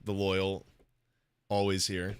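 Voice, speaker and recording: A man co-casting an esports stream in casual chat, joking and telling animated stories. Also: low-pitched, slow, clean tone, no room sound.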